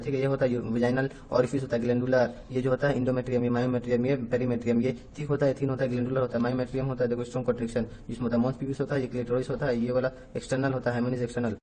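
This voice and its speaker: A man teaching a rapid exam revision lecture, mixing Hindi with English science terms and marking each statement right or wrong. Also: mid-range voice, level tone, dark tone, slight background noise. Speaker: biology teacher.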